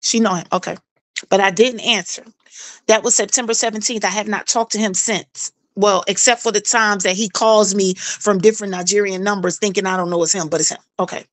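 A woman's voice: medium pitch, fairly quick, dry recording. Woman telling a story, dry close sound. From South Carolina, US. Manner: animated, acts out quoted dialogue, repeats phrases for emphasis. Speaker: co-host telling her own story. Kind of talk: casual storytelling chat.

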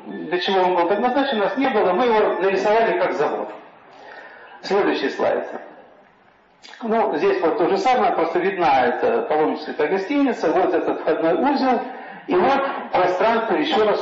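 A man's voice: high voice, muffled recording. Man on a dictaphone recording, very echoey. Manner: hesitant, many drawn-out filler sounds. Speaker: architect presenting a project to a planning council. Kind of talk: slide presentation at a meeting. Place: council meeting room.

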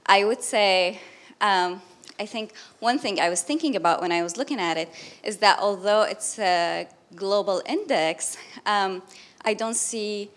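A woman's voice: medium pitch, unhurried. A young woman from Syria speaks up from the audience at a panel talk. She winds through a long question with frequent ums and restarts. She is picked up by a room mic in a lecture hall. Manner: hesitant, long winding question with many fillers. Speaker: graduate student asking a question.

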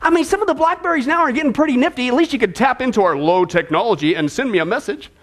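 A male pastor preaching a sermon, emphatic and animated, with rhetorical questions and sarcastic asides. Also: very high voice, fast talker. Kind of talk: sermon on prophecy.

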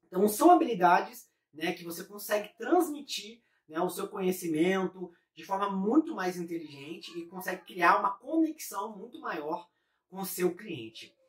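This business coach, a chatty Brazilian with a Brazilian Portuguese accent, speaks at a moderate pace in an expressive voice that sits high. Teaching a casual online lesson, he tacks a tag question onto most phrases, and the recording sounds roomy, as if the mic is far away.

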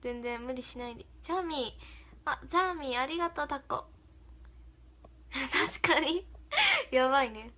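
A woman's voice: high voice, very animated, normal speed, pushed and bright. A young woman hosting a casual livestream, reading viewer comments aloud, thanking them, and giggling often. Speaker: idol livestream host.

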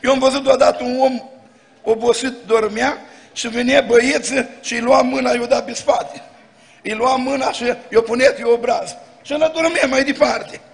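High-voiced preacher in a reverberant hall. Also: male voice, steady tone, gravelly. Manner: preaching with anecdotes and acted quotes. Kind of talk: sermon. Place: church hall. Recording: long church hall reverb.

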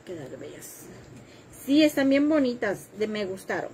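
A woman's voice: mid-range voice, sing-song, normal speed, a little mellow, a little hiss or hum. A woman hosting a live craft tutorial, chatting with viewers and joking about herself while she cuts. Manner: chatty and self-deprecating, reads viewer comments while working.

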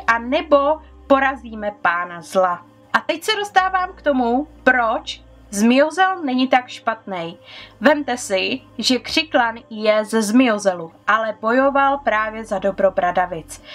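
A young woman tells a fictional character's life story in a relaxed, chatty way, as if talking straight to her viewers. Her voice sits a little high, and she often swings her pitch and throws questions back at the audience. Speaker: YouTuber retelling book lore.

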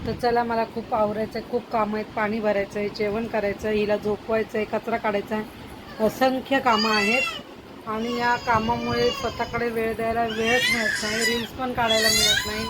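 A young woman talks casually to her viewers from home, and her voice sits on the higher side. She is recorded on a phone, with a steady noise running underneath. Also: normal speed. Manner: chatty, coos to a baby in a high sing-song voice. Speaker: vlogger. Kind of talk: casual home vlog narration. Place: home, indoors.

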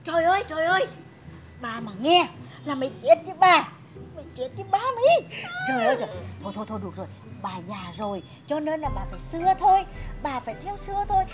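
Old granny coaxing the kids, high voice swings a lot, music behind. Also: female voice, very animated, fast talker. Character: old grandmother, fussing then coaxing. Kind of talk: comedy sketch acting.

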